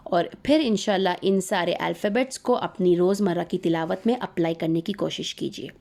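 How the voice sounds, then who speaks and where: A woman teaches Quran recitation in an explanatory online lesson, patiently demonstrating each letter sound slowly and repeating it. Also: on the low side, vocal fry, a little mellow.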